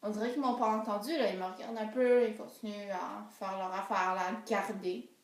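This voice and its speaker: A young woman performing a comic monologue, animated, swinging from hushed asides to excited cries. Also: medium pitch, fairly quick, recorded from a distance. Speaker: storyteller. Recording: roomy echo.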